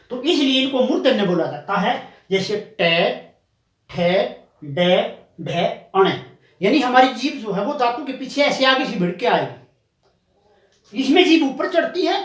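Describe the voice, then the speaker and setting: A man's voice: very high voice, a bit bright, far from the mic. Man teaching in an echoey room. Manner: patient, explains step by step, spelling out sounds one by one. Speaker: coaching teacher. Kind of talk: classroom lesson.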